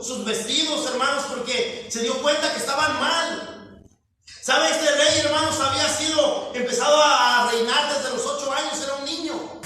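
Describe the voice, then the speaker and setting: A man with a very high, pushed, bright voice and a Mexican Spanish accent preaches a sermon as pastor in a church hall, posing questions to the congregation and calling them brothers. It's recorded from a distance in a very echoey church.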